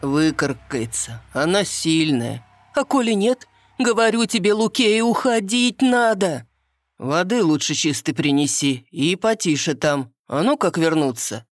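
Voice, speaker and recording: Woman doing kindly peasant woman of fifty, low chest voice, soothing folksy talk, dry close sound. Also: lively intonation, a little slow, no room sound. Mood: worried. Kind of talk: audiobook character voice.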